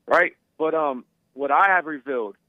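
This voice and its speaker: A talk-show caller with a fairly high-pitched voice argues at a moderate pace, recorded dry over a tinny phone connection. He's insistent, stumbling over his words and saying things again.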